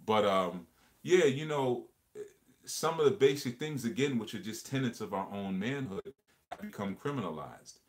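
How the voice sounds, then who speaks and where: This livestream host has a medium-pitched voice, lively intonation and a moderate pace. In a casual discussion he sounds earnest and reflective, going back over phrases as his point takes shape.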